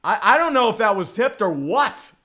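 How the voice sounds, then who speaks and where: A fan streaming play-by-play of a football game, this man talks in a high, sing-song voice with a sharp edge at a moderate clip. His casual, profane commentary calls the plays and wanders off, with exasperated restarts along the way.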